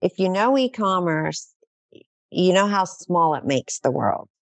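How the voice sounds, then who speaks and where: Middle-aged woman guest, lowish voice, dry close sound, gushing and chatty. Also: lively intonation, a little slow, dry recording. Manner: enthusiastic, effusive, rambling with fillers. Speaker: interview guest. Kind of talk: casual podcast interview.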